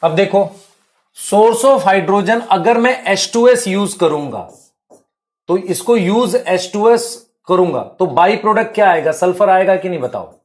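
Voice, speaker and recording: A man's voice: high voice, animated, measured pace. A male biology teacher, explaining at the board and quizzing students with rhetorical questions. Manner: addresses students as beta and bhai.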